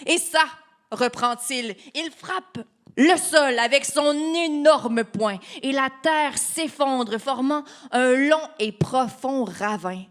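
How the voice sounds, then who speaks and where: At storytime, a woman with a Québécois French accent reads a story to children in a high, animated voice at a slow pace. Playful and chatty with her audience, she asks the kids questions and laughs often.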